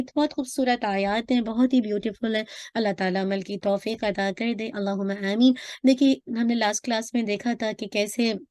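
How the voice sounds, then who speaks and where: A woman teaching Quran recitation, who explains each rule patiently and then slowly sounds out each word as an example. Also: fairly high pitch, mellow, no room sound. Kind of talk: recitation lesson.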